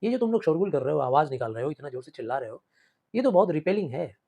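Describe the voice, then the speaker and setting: A man with an Indian English accent teaches a poem line by line, his voice sitting a little high. He reads the verse slowly and carefully. Then he explains it in easy mixed Hindi and English, restating each idea several ways. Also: sing-song, gravelly, warm tone, husky. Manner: repeats and rephrases phrases while explaining.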